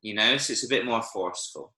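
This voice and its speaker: A man's voice: fairly low pitch, quick pace, sharp tone, reverberant. A man teaching a one-to-one language lesson over a video call, patiently checking that his student follows with frequent "yeah?" and "right?". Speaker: Spanish teacher.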